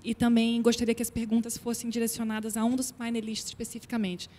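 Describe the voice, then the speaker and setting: A woman moderating a panel discussion, organized and polite, giving clear instructions. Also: on the high side, monotone, quick pace, mellow, in a large hall, slight background noise.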